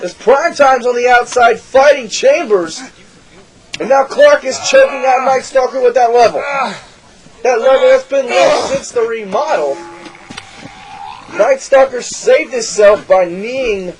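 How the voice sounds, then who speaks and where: A man calling a wrestling match play-by-play, excitable and shouting at big moves, losing his voice. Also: very high voice, a little slow, crowd noise, low-quality recording. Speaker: wrestling commentator.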